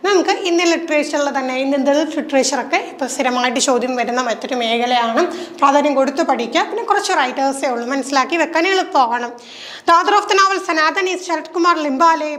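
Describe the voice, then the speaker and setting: A woman from Kerala, speaking with a Kerala accent, coaches exam candidates. She explains in chatty Malayalam, asks rhetorical questions and reads the English answers out slowly. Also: high voice, a bit bright.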